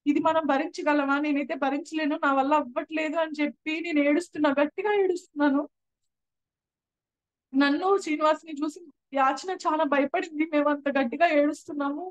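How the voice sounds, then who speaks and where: A woman's voice: high-pitched, steady tone, brisk, no echo, low-quality recording. A young woman giving an earnest personal testimony at a prayer house, often repeating and restarting her phrases. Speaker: church testimony speaker.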